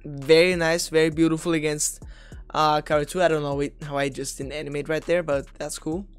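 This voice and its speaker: A young man from Austria walks through football plays in a relaxed, chatty gameplay tutorial, picking apart each read and tossing in offhand jokes. His voice sits a little high and comes across smooth and resonant. Soft music plays faintly underneath. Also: fairly quick. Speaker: video game strategy creator. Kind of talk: casual gameplay tutorial commentary.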